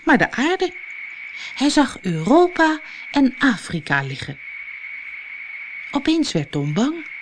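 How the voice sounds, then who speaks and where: A woman from the Netherlands reading a children's audiobook aloud with expressive storytelling. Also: fairly high pitch, noisy background. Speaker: storybook reader.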